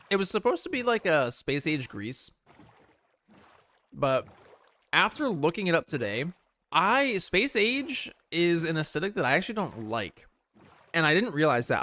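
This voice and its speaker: A man hosts a casual game livestream, chatting loosely with viewers while he plays, rambling and correcting himself along the way. His voice is fairly high-pitched, bright, and forceful.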